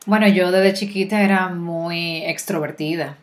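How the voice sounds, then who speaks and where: A woman with a Dominican accent, an actress chatting as a guest in an interview, animated and talkative with quick restarts. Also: lowish voice. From Dominican Republic. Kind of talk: casual interview chat.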